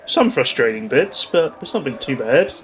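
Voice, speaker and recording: A man's voice: medium pitch, big pitch swings, normal speed, a little hiss or hum. A man who streams games, talking casually to his live chat and off the cuff.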